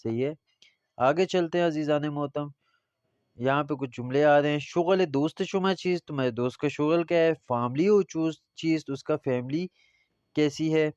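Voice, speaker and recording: A male teacher with a Pakistani Urdu accent giving a Persian language lesson, reading phrases slowly and then explaining them. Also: a little high, darkish tone, smooth, no echo. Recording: slightly dull lo-fi audio.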